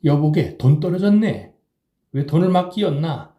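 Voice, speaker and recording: A man's voice: a little high, expressive, moderate pace, mellow, reverberant, muffled recording, pitched above the performer's own voice, natural voice. A man voicing a sober, wary middle-aged drinking companion who pleads and scolds in an audiobook reading. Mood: placating. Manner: pleading, reproachful.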